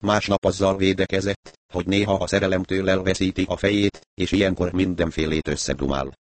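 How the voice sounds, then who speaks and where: A man with a very low voice reads a story aloud with a wry, storytelling touch. The sound is dry and close, with no room around it. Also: steady tone, no room sound. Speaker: narrator. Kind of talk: audiobook narration.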